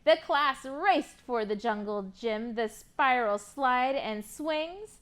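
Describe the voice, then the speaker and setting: A woman with a high, expressive voice hosts a library storytime for young children, taking it slowly. She reads picture books expressively, leads sing-alongs, and prompts the kids with encouraging questions.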